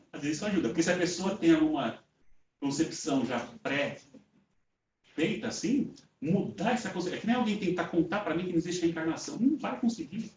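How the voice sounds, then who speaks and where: His voice is on the high side and a little mellow, carrying a Brazilian Portuguese accent as he addresses a group in a meeting room. Casually narrating stories, he performs the reported dialogue and frequently closes phrases with a tag question, and the lo-fi recording sounds dull, roomy and distant.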